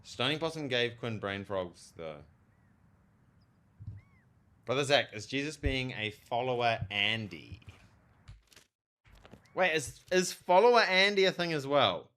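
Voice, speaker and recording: A man livestreaming a game and chatting casually with viewers, speaking with a strong lisp from wearing a retainer in an animated, slangy way. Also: medium pitch, measured pace, pauses often. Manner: animated, slangy, talks to chat. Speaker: live streamer, theologian. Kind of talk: casual livestream chat over gameplay.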